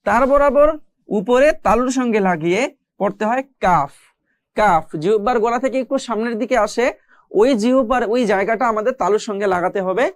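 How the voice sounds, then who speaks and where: Slow patient male recitation teacher. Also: extremely high pitch, dry recording, clean studio sound. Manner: slow, patient, repeats each sound several times. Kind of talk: recorded pronunciation lesson.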